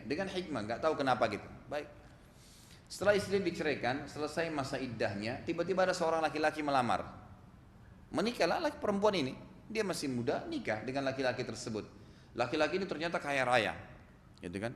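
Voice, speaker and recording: A male preacher giving an animated storytelling sermon, asking the audience rhetorical questions. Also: on the high side, a little hiss or hum. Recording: echoey hall, faint ambience.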